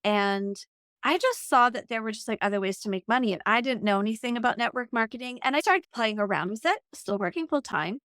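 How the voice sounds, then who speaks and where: A woman's voice: fairly high pitch, animated, fairly quick, fairly bright tone, no echo, studio quality. A woman in her forties, a coach and podcast guest, telling her story earnestly and reflectively with many "like" fillers. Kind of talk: conversational storytelling.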